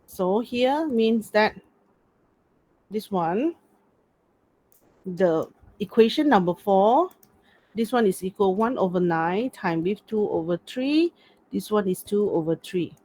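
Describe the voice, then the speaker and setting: She's a university lecturer teaching an informal online class over a computer video-call mic, her Malaysian accent carrying colloquial English mixed with Malay words and "lah." Her mid-range, mellow voice is expressive, and she speaks slowly with frequent pauses.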